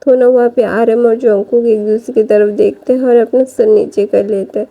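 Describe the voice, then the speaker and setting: A woman's voice: on the high side, steady tone, normal speed, mellow. A woman casually narrating a fan-fiction story, chatty, with many fillers and restarts. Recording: dull lo-fi recording.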